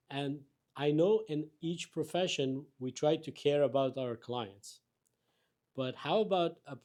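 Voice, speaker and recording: Mellow-voiced man hosting an interview. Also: mid-range voice. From Afghanistan. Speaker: interview host. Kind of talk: conversational interview.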